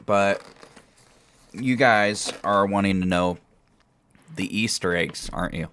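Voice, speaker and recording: A man's voice: fairly low pitch, slow pace, fairly bright tone, a little hiss or hum. A man hosting a casual gaming podcast over an online call, rambling with lots of fillers. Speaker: podcast host.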